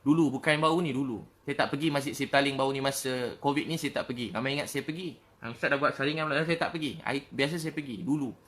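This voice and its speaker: A man's voice: medium pitch, fast talker, hardly any pauses, fairly bright tone. A man with a Malaysian accent giving an earnest, emotional sermon talk as a preacher, repeating his phrases over and over.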